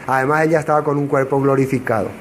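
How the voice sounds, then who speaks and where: A man's voice: mid-range voice, fairly even intonation, quick pace, slight background noise. A man teaching a Bible passage verse by verse, who asks rhetorical questions and answers them himself. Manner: acts out quoted dialogue in changed voices.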